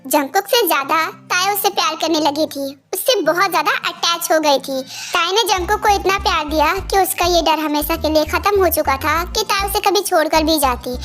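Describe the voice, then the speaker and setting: A woman narrating a homemade fan story in a very high voice, in a plain storytelling manner. Soft music plays faintly behind her. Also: moderate pace. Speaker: channel owner, narrator.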